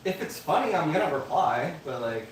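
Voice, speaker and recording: Teasing band member, off-mic and echoey. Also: male voice, a little high, very animated, moderate pace, far from the mic. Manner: laughing, teasing. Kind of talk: casual livestream chat. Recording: roomy echo, off-mic, noise.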